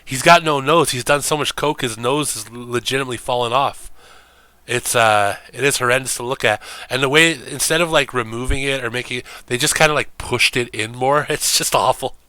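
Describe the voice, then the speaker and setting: A man's voice: mid-range voice, a little fast, pushed and bright, clear, resonant tone, dry recording. A man streaming games, talking in a rambling, profane, casual way and laughing often.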